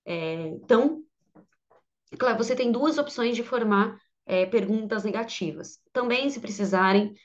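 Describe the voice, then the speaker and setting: A woman English teacher with a Brazilian Portuguese accent giving an online grammar lesson, slowing down to model example sentences. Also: on the high side, lo-fi sound.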